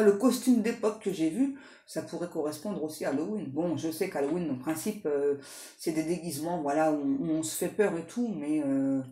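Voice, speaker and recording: A woman's voice: deep voice, mellow, reverberant. A woman doing a casual tarot card reading, talking in a chatty way full of fillers and restarts.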